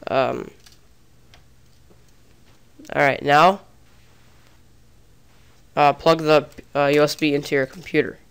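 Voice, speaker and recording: This young guy, slightly unwell and a little off-voiced, walks through a gaming tutorial on a screen recording, casual and talkative and frequently starting over. His voice is fairly high and steady, delivered slowly with frequent pauses, and it has a clean, somewhat bright quality.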